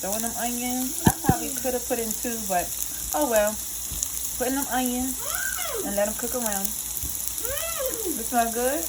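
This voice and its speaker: Young woman cooking vlog, folksy, keeps saying y'all, slightly high voice, home kitchen. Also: fairly quick, heavy background noise. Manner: chatty, folksy, addresses viewers as y'all. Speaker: cooking vlogger. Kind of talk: casual cooking tutorial.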